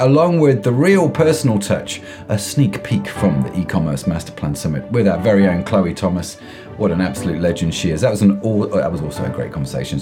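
Croaky, froggy-voiced male podcast host. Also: low-pitched. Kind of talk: podcast introduction, chatty semi-scripted presenting.

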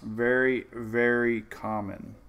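A man hosts a live weather stream, taking it slowly as he chats casually about the tropics, reads the chat, calls out viewers by name, and laughs often. His medium-pitched voice is level in tone, a bit bright, and clear with a resonant quality.

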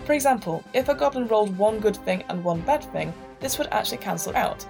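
A woman running a tabletop game, explaining rules briskly and laughing readily. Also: medium pitch, expressive, creaky, over music. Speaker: game master.

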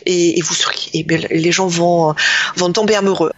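A British woman whose first language is English, an online English teacher, talking casually in French with halting restarts and many fillers. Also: lowish voice, steady tone, lo-fi sound. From Britain. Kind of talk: casual interview talk.

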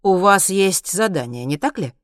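Male narrator as a cold, menacing scientist interrogator; measured, icy, dry studio. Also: sits high, lively intonation, no echo, pitched above the performer's own voice. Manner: slow, icy, measured, bursting into shouts. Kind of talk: audiobook character reading.

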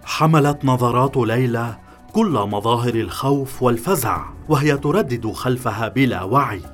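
A man reading a scripted thriller story in a measured, even way. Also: mid-range voice, soft background music. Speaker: narrator.

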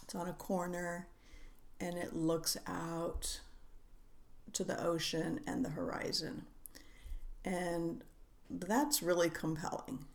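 A middle-aged woman, a writer who is a guest on a podcast, talking reflectively in an unhurried, musing way with frequent hesitations. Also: fairly low pitch, flat delivery. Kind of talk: reflective conversational interview.

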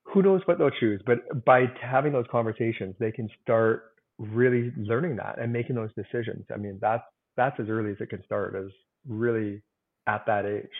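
Here a man being interviewed about his book talks at normal speed in a mid-range voice. He earnestly walks through simple examples, peppering his speech with "like," and the call audio is tinny, as if over a phone.

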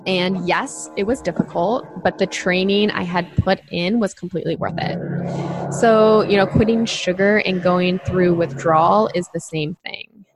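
A woman's voice: on the low side, unhurried, over music. Chatty woman podcast coach. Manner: chatty, frequent fillers like "like" and "you know"; encouraging, speaks directly to listeners. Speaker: podcast co-host and nutrition coach. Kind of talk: casual podcast chat.

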